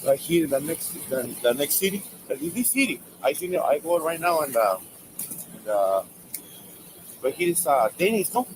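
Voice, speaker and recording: A man who grew up in Mexico speaks with a Mexican Spanish accent, his English broken and halting, restarting his sentences. He is a driver being questioned at a traffic stop. The roadside body-camera audio is noisy. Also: a little high, sing-song. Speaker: driver stopped by police. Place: outdoors by a roadside.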